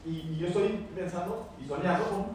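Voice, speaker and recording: High-voiced man in a very echoey hall. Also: a little fast. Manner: animated, repetitive, asks the audience questions. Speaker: motivational speaker. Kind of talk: motivational talk with anecdotes. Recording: very echoey room, mic far off, faint noise.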